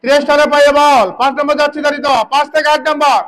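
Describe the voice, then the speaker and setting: A man's voice: very high-pitched, level tone, very fast, a bit bright. A man with a Bangladeshi accent giving live commentary and announcements at a local football match, often repeating his phrases. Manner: repeats phrases as he calls play. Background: crowd at a local football match.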